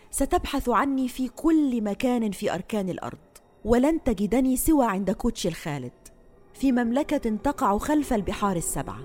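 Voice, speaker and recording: A woman voicing a gentle enchanted young wife with earnest expression in fireside folk tale storytelling. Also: a little high.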